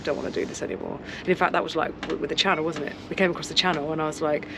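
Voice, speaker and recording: A woman's voice: low-pitched, level tone, racing, noisy background. A woman chatting casually on a sailboat in an earnest, rambling way. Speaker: vlogger, sailing family mother. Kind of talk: casual vlog chat.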